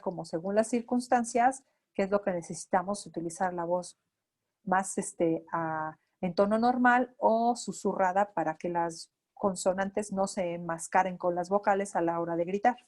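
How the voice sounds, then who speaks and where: Una mujer con acento mexicano, terapeuta auditivo-verbal, da una clase a residentes y explica con ejemplos prácticos. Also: female voice, medium pitch, a little mellow. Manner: explanatory, acts out examples of talking to children. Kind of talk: lecture.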